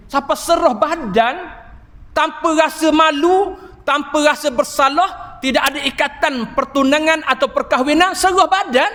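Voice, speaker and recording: A preacher delivers an evening sermon in a large mosque. He tells stories with animated emphasis and exclamations. His voice is unusually high, and it rings with a long hall echo through the PA. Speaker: Islamic preacher and healer.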